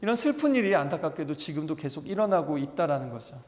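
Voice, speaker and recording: A man's voice: fairly high pitch, animated, quick pace, darkish tone. A male pastor preaching a Sunday sermon, acting out quoted voices and asking the congregation to repeat phrases after him. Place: church hall. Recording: echoey church hall with long reverb.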